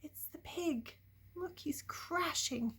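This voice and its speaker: This older woman's voice sits high, and she reads slowly. Her picture-book performance for young listeners is playful and dramatic, with questions for the kids and a back-and-forth between hushed whispers and loud exclamations.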